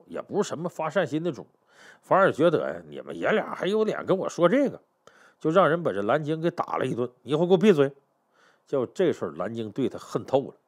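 A man's voice: medium pitch, a little mellow. A man telling history stories in a chatty way, often asking the listener rhetorical questions. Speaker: history storyteller. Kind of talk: storytelling history talk.

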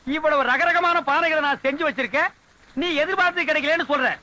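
An actor playing a boastful village potter who rattles off fast sales talk about his pots. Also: extremely high pitch, pushed and bright, exaggerated voice, rough recording. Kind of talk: film dialogue.

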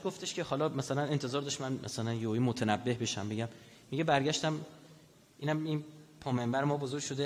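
A man giving a public religious lecture, telling stories in an animated way and putting questions to the audience. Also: a little high. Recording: echoey hall reverb.

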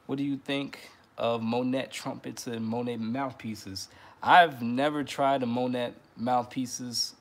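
A trumpet teacher in his thirties hosts a casual livestream from his living room, sounding relaxed and friendly. His voice sits in the mid range and moves slowly, and he often repeats words as he talks.

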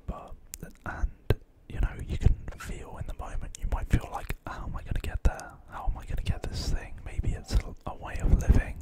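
A young man whispers a pep talk right up against a studio microphone. His voice is all breath, with no tone behind it. He rambles gently and reassuringly, like someone sharing ASMR affirmations. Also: rough recording. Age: 20s. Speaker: ASMR creator. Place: small quiet bedroom. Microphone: close large studio microphone on desk.

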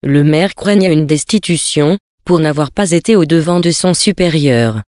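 A narrator giving a measured audiobook reading of a period tale. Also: mid-range voice, a little mellow, no echo, clean studio sound.

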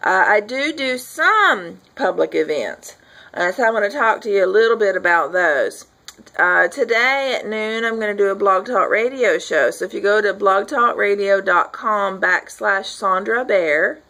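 Bright-voiced woman chatting to her webcam. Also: medium pitch, low-quality recording. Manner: chatty, rambling, frequent fillers and affirming yeahs. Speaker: folk artist and healer. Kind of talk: casual video update. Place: living room at home, indoors. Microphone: webcam at desk distance.

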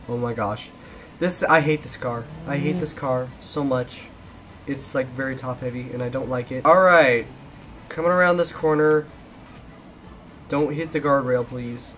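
A young man, a gaming YouTuber with a medium-pitched, fairly bright voice, gives casual gameplay commentary while driving away from the police. When things go wrong, he tends to repeat himself.

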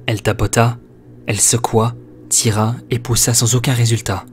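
A man narrating a horror audiobook with measured, expressive storytelling. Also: medium pitch, faint music behind. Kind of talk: dramatic audiobook reading.

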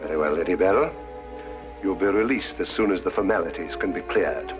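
An actor playing a dogged, stolid police inspector with a formal, officious manner in a 1950s television drama. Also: male voice, deep voice, brisk, lightly acted. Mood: formal, stern. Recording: dull 1950s broadcast soundtrack, music behind.

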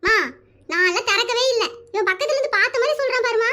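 A whiny kindergarten boy, squeaky and quick. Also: bright, forceful tone. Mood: protesting. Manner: complaining, self-pitying grumbles. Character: whiny little boy in kindergarten, cheeky and sulky. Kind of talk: cartoon family comedy.

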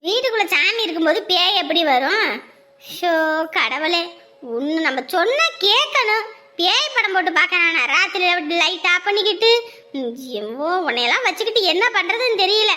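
A woman's voice: very high-pitched, lively intonation, moderate pace, bright, forceful tone, heavily acted. A woman playing a young wife who nags and scolds her husband. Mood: scolding. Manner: nagging, scolding.

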